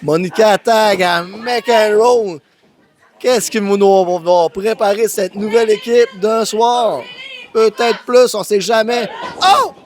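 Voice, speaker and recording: High-pitched, excitable male Quebec wrestling commentator. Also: takes it slowly. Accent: Quebec French. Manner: exclamatory, often raising voice to a shout. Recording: noisy live event commentary.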